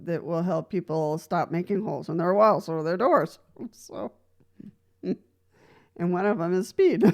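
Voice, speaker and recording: In a relaxed vlog explainer, a woman from Costa Rica offers practical, experience-based advice as a wheelchair user, speaking straight to camera. She has a lowish, darkish voice, laughs lightly between points, and often starts over with "so."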